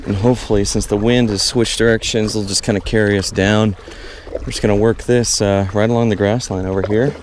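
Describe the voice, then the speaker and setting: A man's voice: lowish voice, brisk, few pauses, a little hiss or hum, rough recording. A man talking casually to viewers about his fishing as he paddles a kayak on a pond. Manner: relaxed, chatty, talking to viewers while fishing. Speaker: fishing vlogger. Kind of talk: casual outdoor narration.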